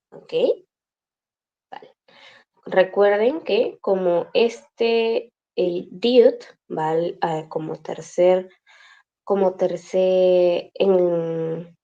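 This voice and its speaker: A woman's voice: medium pitch, mellow, lo-fi sound. A woman teaching a language class over a video call, explaining patiently step by step and checking in with her students often.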